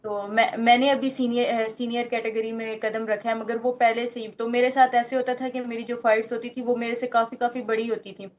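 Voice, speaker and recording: A 19-year-old woman boxer from Pakistan with a Pakistani Urdu accent, answering interview questions earnestly, often pausing and restarting. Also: on the high side, flat delivery, muffled recording. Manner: earnest, halting, many fillers and restarts.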